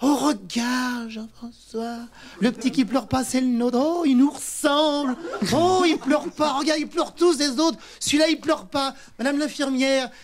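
A man's voice: very high voice, moderate pace, voice pushed up. A man voicing a gushing, fussy new father who squeals over his baby in a told joke. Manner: squealing, doting exclamations.

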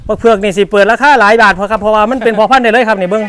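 A man with an Isan Thai accent works as a livestock seller on a live sale. His voice sits high and the pitch comes quickly, in polite phrases that he often repeats. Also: fairly even intonation, sharp tone, soft background music. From northeastern Thailand. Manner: polite, repetitive, ends phrases with polite particles. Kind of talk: fast live sales pitch.

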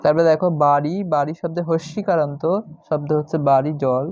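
Male teacher going slow, says every word twice, kinda high voice, muffled lo-fi audio. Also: fairly even intonation, darkish tone, no room sound. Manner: slow, repeats each word several times. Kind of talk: step-by-step classroom explanation. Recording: dull lo-fi sound.

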